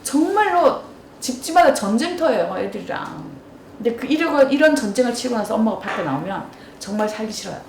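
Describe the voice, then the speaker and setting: A woman lecturer talks quickly and keeps throwing questions at her listeners. Her voice sits a little high. She sounds far from the mic in a roomy hall. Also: big pitch swings, gravelly, slight background noise. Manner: storytelling, asks the audience questions. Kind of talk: lively lecture with acted dialogue.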